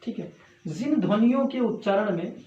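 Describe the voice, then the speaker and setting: A man's voice: high voice, expressive, moderate pace, mellow. Guy teaching a hindi class, keeps repeating questions n answers, echoey muffled room. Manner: repetitive, drilling questions and answers, addresses students as friends. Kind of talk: online class lecture. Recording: echoey, dull lo-fi room sound.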